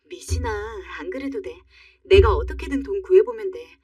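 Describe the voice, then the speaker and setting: A woman voicing a sympathetic female friend who speaks in a soft, reassuring way. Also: mid-range voice, lively intonation, moderate pace, husky, dry recording, studio quality, far from the mic.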